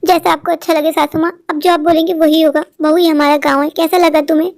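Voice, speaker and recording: A woman's voice: high-pitched, flat delivery, fast talker, darkish tone. A woman voicing a repentant young wife in a cartoon story, pleading and apologetic. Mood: gentle. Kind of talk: dubbed Hindi cartoon story.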